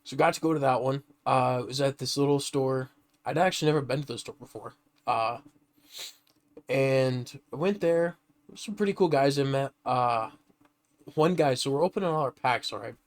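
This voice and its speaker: A man co-hosting a casual gaming podcast, telling stories animatedly and jumping high when he acts out reactions. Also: normal speed. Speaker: podcast co-host.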